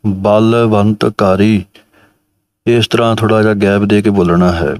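A man teaching correct recitation of a sacred text, chanting each line slowly and then explaining how to pronounce it. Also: fairly low pitch, fairly even intonation, no echo. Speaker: Gurbani pronunciation teacher. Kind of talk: recitation lesson.

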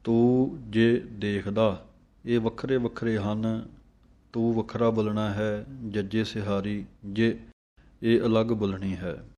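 A man teaching careful scripture recitation line by line, chanting each phrase slowly and then briefly explaining how to say it. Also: on the low side, little pitch movement, dark tone. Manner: slow chanted lines, then quick spoken corrections.

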